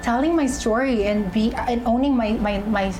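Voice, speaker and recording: A young woman, an actress and pageant contestant, candidly recounting her personal journey in an interview, often pausing to find her words. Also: on the high side, rough recording. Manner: candid, searching for words with fillers and restarts. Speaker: interviewee, actress and beauty queen. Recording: music bed underneath.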